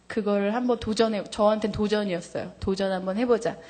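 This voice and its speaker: A woman in her thirties giving a testimony to a congregation, candid and animated, laughing often, her voice jumping high when she gets excited. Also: brisk. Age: 30s. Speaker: church member giving testimony.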